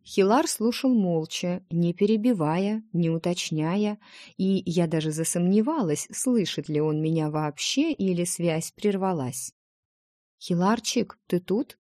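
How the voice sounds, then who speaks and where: Slow, low-voiced woman narrator. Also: dark tone, no room sound, studio quality. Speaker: audiobook narrator. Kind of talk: scripted first-person fantasy narration.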